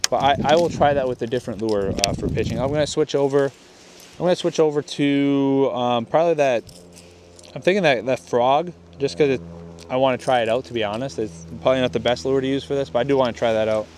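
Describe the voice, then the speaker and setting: A young fishing-video host on a lakeshore speaks briskly in a medium-pitched, darkish voice, with a little hiss or hum in the chest-mounted camera audio. His casual gear test rambles along, and he keeps restarting his sentences.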